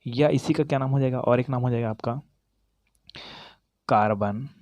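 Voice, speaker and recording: In a classroom-style chemistry lesson, a man explains while writing, addressing students directly, posing questions he then answers, and correcting himself along the way. His mid-range voice has a darkish tone and moderate pace, with no room sound.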